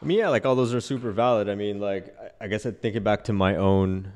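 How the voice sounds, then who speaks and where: A man's voice: fairly low pitch, fairly even intonation, quick pace, darkish tone. A man, a Gujarati speaker, chatting casually and slangily on a podcast. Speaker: podcast host. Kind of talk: casual chat. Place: dark indoor podcast studio. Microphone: close podcast mic on boom arm.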